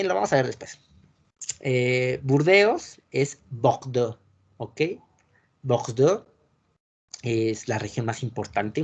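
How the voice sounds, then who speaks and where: A man's voice: mid-range voice, darkish tone, highs cut off. A man with a Mexican Spanish accent lecturing a class as a teacher, explaining step by step and often checking whether the students are following. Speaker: wine course teacher.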